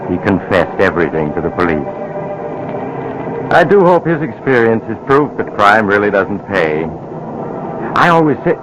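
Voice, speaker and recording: The Mysterious Traveler, deep sinister storyteller. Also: male voice, noisy background. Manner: insinuating, theatrical, mock-sympathetic. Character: sinister, wry male mysterious traveler telling eerie tales. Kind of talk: 1940s radio acting, storyteller narration.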